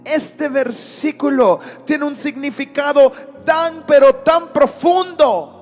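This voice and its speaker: Preacher, very high voice, slow emphatic delivery, repeats lines, shouts, faint music behind. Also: male voice. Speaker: pastor. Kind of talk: Spanish-language Sunday sermon. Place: church.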